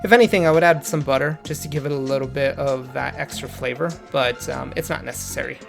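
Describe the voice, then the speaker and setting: A young man from Mexico hosting a casual cooking vlog in his home kitchen, explaining each step in a relaxed, friendly way. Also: medium pitch, fast, vocal fry, music in the background. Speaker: cooking channel host.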